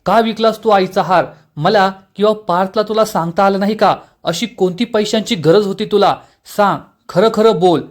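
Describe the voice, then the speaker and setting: Man voicing angry father, demanding, questioning, high voice. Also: moderate pace, few pauses, lightly acted. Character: angry middle-aged father of the family.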